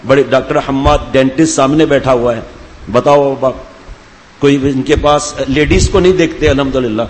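A man's voice: medium pitch, big-room sound, poor audio. A middle-aged man, a Sufi spiritual guide, giving a sermon to a gathering. He tells stories with humor and teases his listeners by name. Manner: jovial storytelling, teasing listeners by name.

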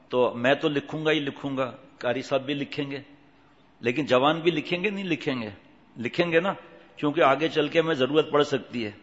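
An Islamic preacher gives a conversational sermon full of anecdotes, questioning his audience and acting out the voices of people in his stories. His mid-range voice is fairly bright, captured in a dull recording with long hall reverb.

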